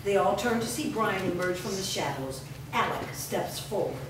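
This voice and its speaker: Reading stage directions from the script as the staged reading's narrator, a woman speaks at a moderate pace in a medium-pitched voice with lively intonation. A distant mic records her in a large echoey room, with plenty of noise.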